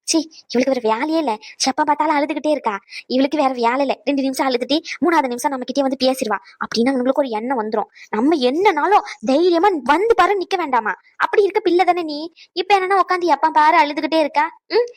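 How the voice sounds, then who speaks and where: A woman's voice: sits high, dry recording, clean studio sound, lightly acted. A woman voicing a caring but outspoken old grandmother in a cartoon, scolding and lecturing protectively. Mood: rousing. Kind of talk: cartoon voice acting.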